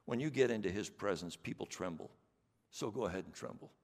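A man's voice: fairly low pitch, expressive, brisk. A man preaching a sermon as pastor, earnest and emphatic, repeating his questions to the congregation. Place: church sanctuary. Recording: long church reverb.

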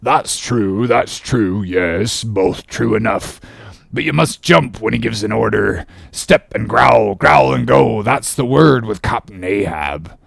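An actor playing a ragged, ominous old sailor who talks in cryptic warnings and sometimes bursts out shouting. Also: male voice, fairly low pitch, slow, no echo, clean studio sound, full character voice. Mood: agitated. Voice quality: gravelly, growling. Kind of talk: audiobook drama acting.

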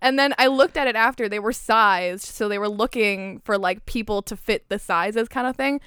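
Young woman from Canada, podcast co-host, excitable storyteller, crisp clean voice, dry close sound. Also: mid-range voice, normal speed, dry recording. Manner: excited, swears freely, laughs through stories. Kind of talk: casual chat.

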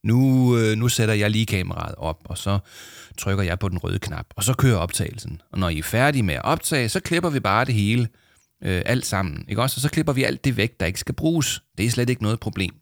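A man reading as a calm, patient father. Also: on the low side, gravelly, no echo, clean studio sound. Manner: reassuring, easygoing.

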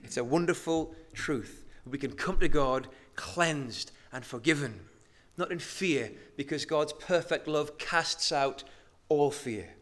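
A man preaching a sermon, moving between hushed, slow emphasis and loud, rising exhortation. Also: a little high.

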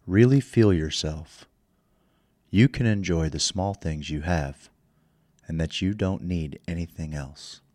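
A man leading a guided meditation in slow, soothing instructions, speaking into a close microphone. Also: sits low, a little mellow, no echo.

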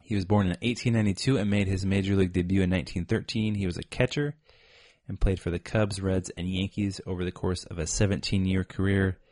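A man co-hosting a sports podcast, telling facts in a measured, casual way. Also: deep voice, fairly even intonation, a little mellow, no echo, studio quality. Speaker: podcast co-host. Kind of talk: casual chat.

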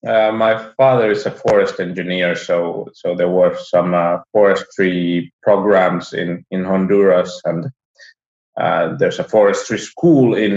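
Deep, slow-talking man on an echoey line. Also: darkish tone, lo-fi sound. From Finland. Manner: halting, frequent restarts. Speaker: podcast guest. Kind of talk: casual interview chat.

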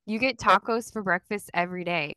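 A woman's voice: mid-range voice, a little fast, sharp tone, clear, resonant tone, no room sound. A woman co-hosting a podcast, joining remotely from bed while sick with a stomach bug, chatty and joking. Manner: chatty, jokey. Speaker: podcast co-host. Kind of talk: casual chat. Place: in bed at home. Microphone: new microphone on a remote call.

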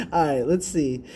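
Young man, podcast co-host, casual chat, easygoing, reflective, slightly high pitch. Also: creaky, a little mellow, a little hiss or hum. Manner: easygoing, reflective, laughs along.

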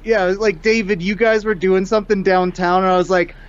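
High-voiced joking man, muffled line. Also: little pitch movement, fairly quick, clean tone. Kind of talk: casual chat.

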